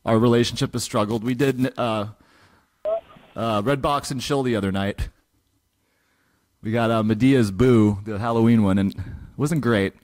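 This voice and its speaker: A man in his late thirties co-hosting a comedy radio show, delivering bits in a deadpan, mock-serious manner. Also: medium pitch, moderate pace, long pauses. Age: late 30s. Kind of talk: scripted comedy bit.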